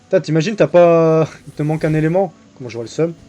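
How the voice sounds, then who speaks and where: A man's voice: on the high side, quick pace, warm tone. Chatty young man streaming a game. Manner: joking, crude, chatty with viewers. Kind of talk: casual live game commentary.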